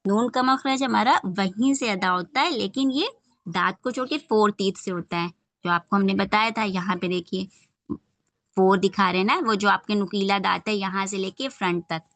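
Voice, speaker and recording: A woman's voice: medium pitch, moderate pace, a bit bright. A woman teaching children Quran pronunciation in an online class, patient and often checking that they understand.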